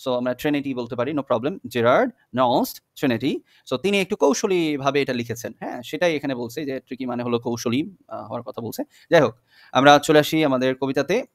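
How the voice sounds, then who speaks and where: A man's voice: medium pitch, no room sound, clean studio sound. A young man teaching an English poem to schoolchildren, patiently spelling out pronunciations and checking in with them. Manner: patient, repeats words slowly, checks in with "okay?". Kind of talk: classroom lesson explaining a poem.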